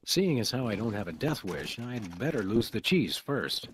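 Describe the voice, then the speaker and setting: A man playing a wry, unflappable detective hero in a video game, with a dry, wordy, deadpan manner. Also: fairly low pitch, moderate pace, a little hiss or hum.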